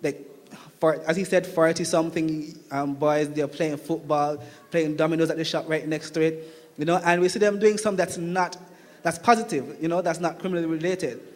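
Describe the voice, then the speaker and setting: A young man with a Kittitian accent speaks off the cuff at a public meeting in a reverberant hall. His voice sits a little high, and he talks conversationally, repeating phrases to drive his points home. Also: steady tone, fairly quick. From Saint Kitts. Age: young adult. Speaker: returning student speaking at a town hall meeting. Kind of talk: impromptu public speech, personal testimony. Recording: reverberant hall with long echo.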